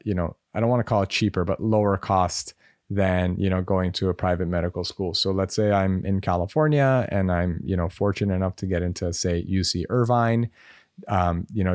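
A man's voice: low voice, darkish tone, no echo, studio quality. An American man, a medical school admissions advisor, answering interview questions in a conversational way with many fillers. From United States.

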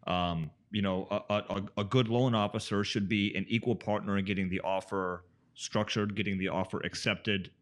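A man's voice: lowish voice, steady tone, normal speed. Man explaining mortgages in a chatty way. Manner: explanatory, many fillers like "you know" and "right". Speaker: mortgage expert guest. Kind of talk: casual podcast conversation.

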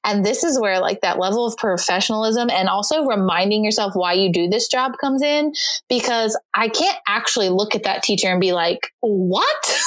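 A woman's voice: mid-range voice, a bit bright. A woman teacher in a casual discussion, animatedly acting out quoted reactions and laughing often.

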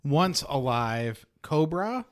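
A man's voice: on the high side, big pitch swings, takes it slowly. A young man telling a story as a podcast guest, laughing as he goes. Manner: laughs while telling stories, restarts and fillers. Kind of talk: casual conversation, storytelling.

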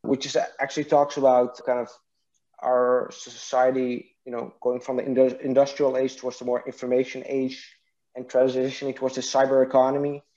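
A man's voice: mid-range voice, monotone, brisk, mellow, lo-fi sound. A man from Iraq, a guest answering interview questions in a thoughtful, hesitant way with frequent restarts. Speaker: guest, partnerships and marketing executive.

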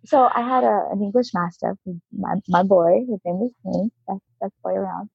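A woman telling a long personal story in a casual interview, animated, laughing often and acting out what people said. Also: medium pitch, moderate pace, vocal fry, slightly rough, no room sound. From Alaska. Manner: animated, laughing, acts out quotes. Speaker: guest. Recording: dull, slightly lo-fi, dry sound.

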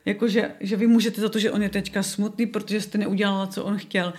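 Woman, podcast guest consultant, calm explaining, mid pitch. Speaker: consultant for clients. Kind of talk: podcast conversation.

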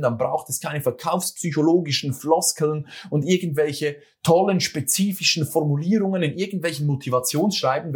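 A man's voice: fairly high pitch, a little mellow. A man hosting a podcast, talking straight to the listener in an emphatic, coaching way about job applications. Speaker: podcast host and career coach. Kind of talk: motivational podcast monologue.

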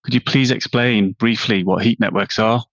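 A man's voice: fairly low pitch, fairly even intonation, normal speed, a bit bright, dry recording, lo-fi sound. A man hosting a podcast, reading a polished scripted introduction and then putting questions to his guest. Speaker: podcast host.

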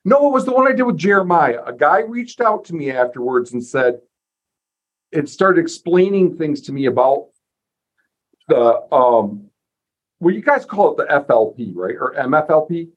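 A man with a fairly high voice hosts a casual interview podcast, sounding folksy and self-deprecating as he thinks aloud. His voice is a little husky, and the audio is slightly dull. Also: lively intonation, normal speed. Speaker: podcast host.

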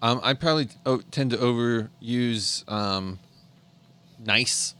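A man co-hosting a podcast in a casual chat, laid-back with deadpan teasing humor. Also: mid-range voice, slow pace, clear, resonant tone. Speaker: podcast co-host.

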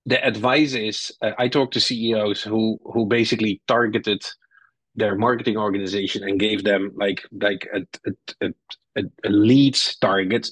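A middle-aged marketing executive with a Dutch accent, living in Silicon Valley, talks candidly as an interview guest. His lowish voice has a fairly bright tone, and the recording is rough but free of room sound. He's blunt and rambling, restarting his sentences many times.

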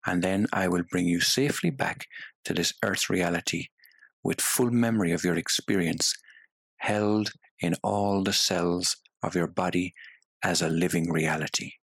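A man leading a guided meditation in a soothing, hypnotic way, with long pauses between phrases. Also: low-pitched, creaky, slightly rough, no echo.

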